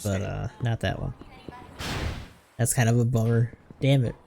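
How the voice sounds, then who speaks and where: A man's voice: mid-range voice, measured pace, vocal fry, dark tone, slight background noise. A man giving casual let's play commentary, laughing and swearing at the game. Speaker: gaming video creator.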